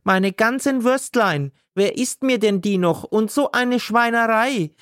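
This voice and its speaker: A male narrator voicing a sharp-tongued woman running a sausage stand, her voice pushed high and shrill. She scolds in indignant bursts, with a gravelly rasp under the shrillness, in a dry, close recording. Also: a little slow, dry recording. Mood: outraged. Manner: shrieking, indignant outbursts.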